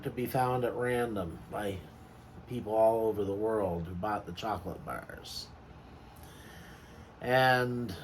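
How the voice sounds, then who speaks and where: Slow, halting man retelling a film. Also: lowish voice, a little mellow, a little hiss or hum, low-quality recording. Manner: halting, hesitant storytelling in formal wording. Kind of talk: casual chat retelling a film.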